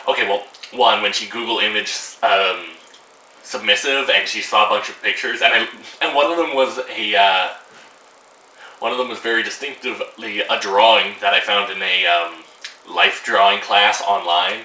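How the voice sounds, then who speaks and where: A teenage vlogger rants to camera from a room at home about a film, sarcastic, exasperated and swearing freely. His voice is lowish and sharp, with a steady tone and moderate pace. The mic is distant, so the rough recording sounds roomy.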